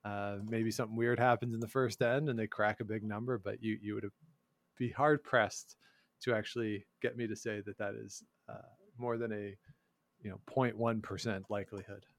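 A man's voice: on the low side, dry recording. A man co-hosting a casual sports podcast, talking with wry sarcasm and chuckling asides. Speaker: podcast co-host.

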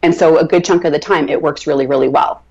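A woman's voice: low voice, steady tone, quick pace, a little mellow, breathy edge, muffled recording. A woman working as a nurse manager, talking casually as an interview guest and often restarting her sentences. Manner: chatty, with many restarts. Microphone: radio show mic.

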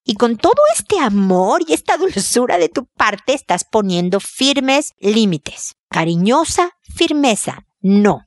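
A woman's voice: a little high, very animated, a little slow, hardly any pauses, no room sound, clean studio sound. A middle-aged woman, hosting an advice show and acting out little dialogues as she counsels a listener. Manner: chatty, acts out dialogues.

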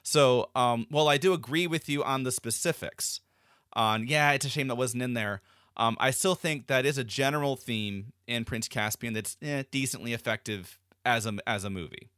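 A man's voice: mid-range voice, normal speed, fairly bright tone, smooth, dry recording, clean studio sound. A man co-hosting a podcast, talking things through thoughtfully with many fillers and restarts. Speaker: podcast co-host. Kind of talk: casual discussion.

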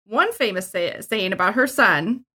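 A woman's voice: mid-range voice, lively intonation, unhurried, pushed and bright. Woman, podcast co-host, casual chat, reads entries with asides. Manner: chatty, reads entries aloud with little asides. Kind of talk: casual chat, reading a list.

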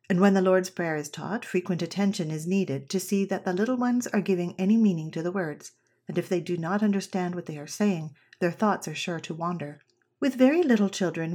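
A woman reading an old essay aloud as scripted narration, in a measured, earnest way. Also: on the low side, darkish tone. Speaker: reader of an old parenting essay.

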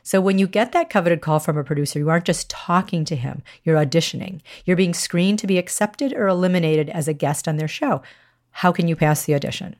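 Lower-voiced woman coaching on media. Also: a little mellow. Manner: clear, coaching, measured delivery. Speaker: podcast host and media coach. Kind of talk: instructional podcast monologue.

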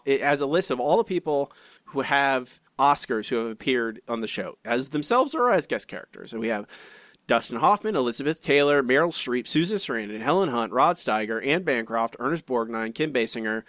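A male podcast co-host with a mid-range voice reads comments aloud in casual chat, chatty and animated, repeatedly breaking off into asides and restarts. The sound is dry and close, with no room around it.

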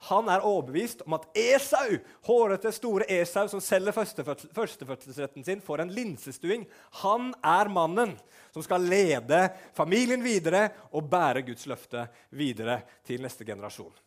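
A man's voice: high voice, very animated. A man preaching a sermon, retelling a story vividly and briefly acting out the figures' lines.

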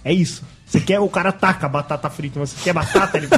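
A man's voice: fairly high pitch, very fast, breathy edge. A man in casual chat among friends, telling restaurant stories and acting out waiters, swearing freely. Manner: animated storyteller, acts out waiters and customers, swears freely.

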